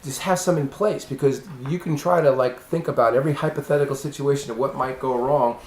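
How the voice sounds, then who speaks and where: A man's voice: medium pitch, steady tone, brisk, darkish tone. An earnest, emphatic man coaches a client in an easy conversational way, now and then acting out the voices he quotes. The room sounds roomy, with faint ambient noise in the background. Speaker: host, life coach.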